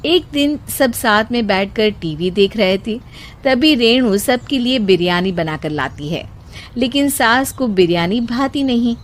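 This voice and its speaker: A woman narrates a comic moral story as a storyteller. Her voice sits high. She reads the script slowly. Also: animated.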